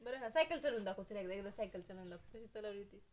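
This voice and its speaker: A woman's voice: mid-range voice, very fast, a little hiss or hum. A woman filming at home, chatting with a small child and coaxing her with repeated questions. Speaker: family member filming a toddler. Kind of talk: casual chat with a small child.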